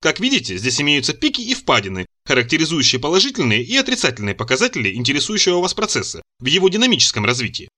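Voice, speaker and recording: A man reading a suave, polite male scientist who coaxes his visitors with smooth, persuasive courtesy. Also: fairly high pitch, wildly swooping pitch, very fast, few pauses, pushed and bright, full character voice. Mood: smooth, courteous. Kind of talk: audiobook character reading.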